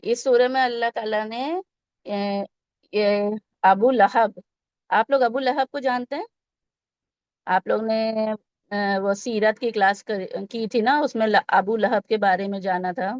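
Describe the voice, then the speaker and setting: A woman's voice: on the high side, no room sound. Woman teacher, patient and step-by-step, coaching kids through recitation with English words mixed in; dry, dull lo-fi recording. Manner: patient step-by-step explaining, asking the children questions. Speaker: Quran teacher for children. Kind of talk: tajweed lesson with slow recitation.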